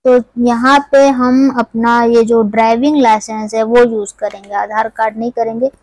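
A woman from India with a higher voice explains an app step by step in a steady, level tone. She speaks straight to her viewers in a casual way. The recording is dry and close, with no room sound. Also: normal speed, no room sound, rough recording. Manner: step-by-step, conversational, addresses viewers directly. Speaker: tech tutorial channel host. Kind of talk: screen-recorded app tutorial.

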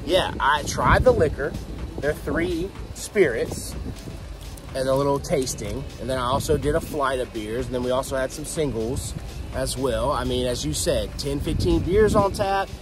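A man in his thirties hosting a casual brewery review outdoors, with an upbeat, relaxed rundown. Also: medium pitch, moderate pace, over music, poor audio. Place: outdoors by a parking lot.

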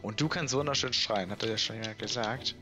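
A man's voice: fairly low pitch, brisk, music in the background. A man casually commenting while playing a game, chatty and muttering to himself. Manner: chatty, muttering, swears and laughs. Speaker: let's play gamer.

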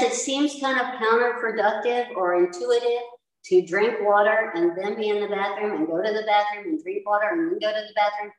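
A woman's voice: medium pitch, recorded from a distance. An older woman, a chef, giving a chatty, emphatic community TV talk on healthy eating, with an American accent. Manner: chatty, emphatic, repeats for stress. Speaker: cooking instructor. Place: indoor community center room with posters. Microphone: far camera, no visible mic. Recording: roomy echo, voice off-mic.

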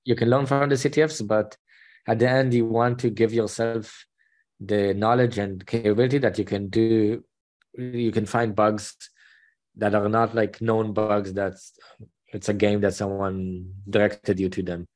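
A man with an Israeli accent speaks on a video call as a panelist, his voice on the low side. He explains things plainly and earnestly, in a relaxed conversational way. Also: a little slow. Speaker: panelist, bug bounty hunter. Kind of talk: casual panel chat.

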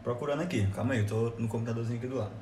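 A Brazilian man chats casually and excitably on a live stream from home. His voice sits at a middle pitch. It has a roomy echo and faint noise behind it. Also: rapid-fire. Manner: chatty and excitable. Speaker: livestream host. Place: at home beside a computer.

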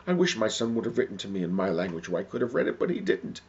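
A man's voice: fairly low pitch, big pitch swings, quick pace, darkish tone, dull audio, voice pushed up. A man voicing an anxious older immigrant mother who pleads with her neighbors to read her son's letter. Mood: tearful. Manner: pleading, then indignant.

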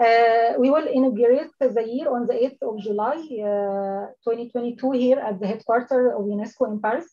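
A woman giving formal prepared remarks over a video call with a headset, pausing often with fillers. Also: a little high. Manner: hesitant, many filled pauses. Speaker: official speaker. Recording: dull lo-fi video call audio.

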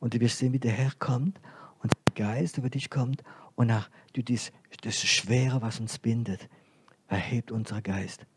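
A man with a French accent preaching a sermon, dropping to near-whispers and rising to loud, repeated emphasis. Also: mid-range voice, steady tone, moderate pace, heavy background noise. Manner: swings from hushed, near-whispered lines to loud emphatic repetition.

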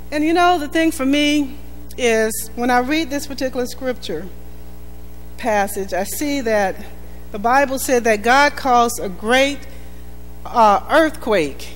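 A woman pastor delivering a sermon in an earnest, emphatic preaching style, repeating key phrases for weight. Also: mid-range voice. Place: church sanctuary. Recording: reverberant church hall with faint music.

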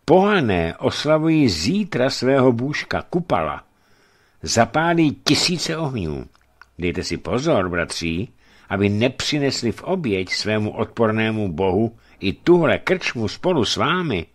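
A man's voice: medium pitch, very animated, pitched above the performer's own voice. A man voicing a stern, cunning disguised priest who gives curt, authoritative orders. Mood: warning.

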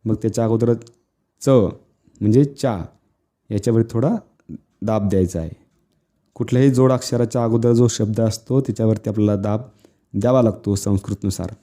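A man teaching children Sanskrit pronunciation, chanting verse lines slowly and repeating them, with quicker plain explanations in between. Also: on the low side, fairly even intonation, dark tone. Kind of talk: recitation lesson for children.

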